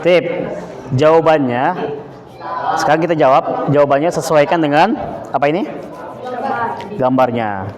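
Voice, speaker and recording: Pausing often, this Indonesian-accented teacher speaks a little slowly in a slightly high voice. He leads an Arabic lesson at a boarding school, quizzing pupils and giving explanations in Indonesian, while their chatter fills the roomy classroom.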